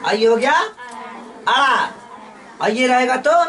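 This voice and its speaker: A woman's voice: sits high, animated, fairly bright tone, distant mic, some chatter behind, slight background noise. Woman teacher drilling from across the room. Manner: repeats questions and answers them herself, slow and drilling. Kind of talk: classroom lesson with call-and-response drills.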